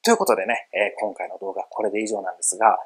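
A man's voice: on the low side, fairly even intonation, very fast, poor audio. A middle-aged man teaching English pronunciation in a casual video lesson, explaining in a friendly way and demonstrating words with exaggerated emphasis. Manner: friendly, explanatory, calls himself an old guy.

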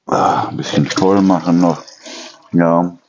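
A man's voice: deep voice, fairly even intonation, slow, highs cut off, slight background noise. A man hosting a casual kitchen chat, rambling and correcting himself as he goes. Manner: rambling, self-correcting, imitates noises. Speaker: channel host.

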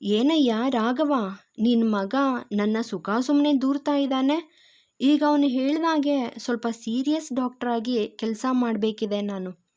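A woman's voice: fairly high pitch, measured pace, dark tone, close to an everyday voice. A woman voicing a jovial older male family doctor who teases his friend, in a dull lo-fi recording. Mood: teasing. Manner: joking, chatty.

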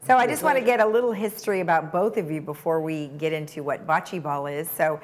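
A woman hosting a studio interview show, chatty and quick with follow-up questions, laughing along with her guests. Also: low voice. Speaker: talk show host. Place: TV studio set.

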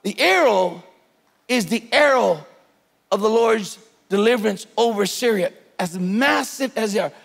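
A man's voice: sits high, lively intonation, unhurried, creaky, fairly bright tone, in a large hall. A man preaching a sermon as pastor, retelling a scripture story emphatically and urging his listeners to take hold of it. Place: church sanctuary.

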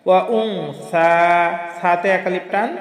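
High-voiced man chanting prayer lessons. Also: reverberant, in a large hall. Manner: chants each word slowly, then explains pronunciation rules quickly. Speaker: Quran recitation teacher. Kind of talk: word-by-word recitation lesson.

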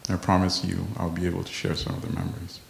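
An older man on a panel discussion, emotional and choked up, speaking slowly and formally. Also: sits low, monotone, vocal fry, a little hiss or hum. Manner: slow and formal. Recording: echoey hall with faint clicks.

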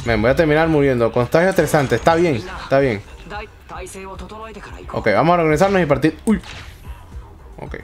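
A young man giving excitable let's play commentary, swearing often and talking to himself. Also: a little high, normal speed, long pauses, faint music behind. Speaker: gaming YouTuber.

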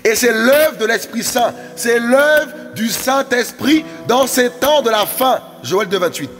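A man's voice: extremely high pitch, animated, slow, a bit bright, long reverb tail, soft background music. A man preaching a fiery sermon, exhorting and repeating words as he urges his listeners on.

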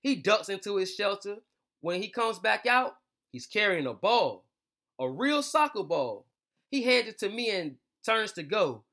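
Talking directly to young listeners in slangy, informal language, a young man opens his children's read-aloud show with a casual intro and then reads a storybook in a small indoor room. His voice is high, very animated, bright and forceful, yet unhurried.

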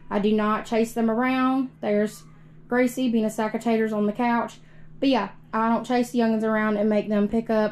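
A woman's voice: a little high, darkish tone, rough recording. A young woman with a Southern US accent, chatting casually and folksily to viewers while she cleans her small kitchen. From Georgia, US. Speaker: cleaning vlogger. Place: small kitchen and living room of a trailer home.

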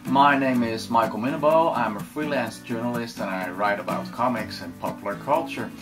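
A Dutch man in his forties with a Dutch accent, chatting relaxed and casually to camera with many fillers in a room lined with bookshelves. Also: mid-range voice, moderate pace, over music. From Netherlands. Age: 40s. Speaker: vlogger. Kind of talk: casual vlog talk to camera.

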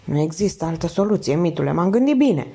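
A woman reading aloud and voicing a calm, earnest male teacher who speaks formally and carefully. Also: fairly low pitch, creaky, husky, exaggerated voice.

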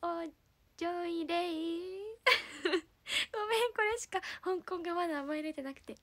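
A young woman from Fukuoka with a Hakata accent, chatting casually on a livestream, giggling and sometimes dropping to a soft murmur. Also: very high-pitched, lively intonation, brisk. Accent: Hakata dialect. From Fukuoka, Japan. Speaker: idol livestreamer.

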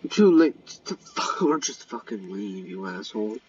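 A man's voice: on the low side, very animated, measured pace, a little mellow, far from the mic, lo-fi sound. A young man giving live commentary while he plays a game, swearing often and muttering in exasperation at his teammates. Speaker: gamer streamer. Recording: mic set back, faint background noise.

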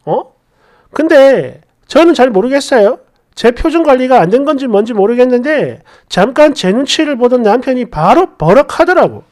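A woman's voice: high voice, very animated, normal speed, a little mellow. A woman narrating a first-person story in a confiding, exasperated, chatty way.

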